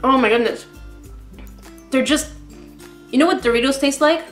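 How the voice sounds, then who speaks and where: A woman's voice: high-pitched, normal speed, echoey room, soft background music. A woman vlogger rambling in a casual unboxing chat, emotional and close to tears, laughing often. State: tearful, emotional.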